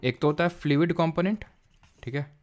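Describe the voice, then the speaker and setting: This is a man teaching a live online lesson, mixing English technical terms into Hindi. He moves step by step and often pauses to question the class and check that everyone is following. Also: on the high side. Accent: Indian English terms mixed into Hindi. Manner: explains step by step, asks quiz questions, says "ठीक है" often. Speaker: online tutor.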